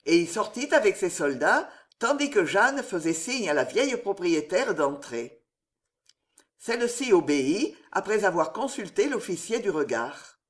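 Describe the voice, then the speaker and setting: A woman narrating a historical novel aloud in a measured, expressive storytelling manner. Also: medium pitch. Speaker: audiobook narrator.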